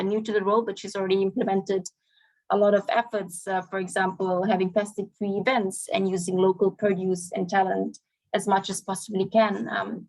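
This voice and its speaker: A woman moderating a panel on an online call in a polite, measured, semi-formal way, summing up points. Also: medium pitch, a little mellow, poor audio.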